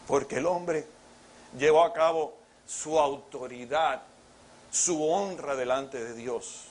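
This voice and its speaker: A man's voice: a little high, slow. A man preaching a sermon with rhetorical questions, acting out biblical dialogue as he goes.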